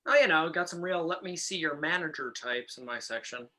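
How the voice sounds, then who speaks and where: A woman's voice: low-pitched, lively intonation, fairly quick, a bit bright, a little hiss or hum. A woman reading the part of a polite, chatty young server in a live play reading. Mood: friendly. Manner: polite, chatty, slightly hesitant.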